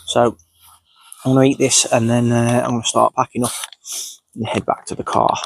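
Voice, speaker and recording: A man's voice: medium pitch, little pitch movement, moderate pace, gravelly, no echo, rough recording. A man sniffly with a cold, casually narrating his outdoor cooking as he goes, unscripted. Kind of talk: casual, unscripted narration while doing tasks. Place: outdoors in countryside.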